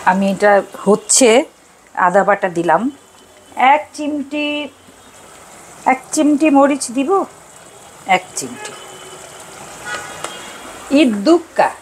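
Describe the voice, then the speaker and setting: With a high, expressive voice, an older woman from Bangladesh speaks very slowly with long pauses while cooking in her home kitchen for her show, rambling casually and chuckling often. The poor audio has a little hiss or hum, and frying faintly sizzles in the background.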